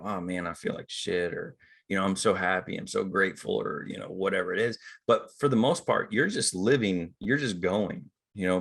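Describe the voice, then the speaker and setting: Deep yet fairly bright, with a breathy edge, this is the voice of a middle-aged male acting coach. He talks conversationally about acting for the screen and dramatizes the inner thoughts he cites.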